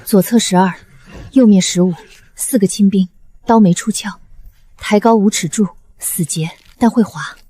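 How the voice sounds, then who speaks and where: A woman voicing a condemned seventeen-year-old girl with a modern soldier's mind, who speaks in clipped, commanding phrases in an animated drama. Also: mid-range voice, normal speed, lightly acted. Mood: tense.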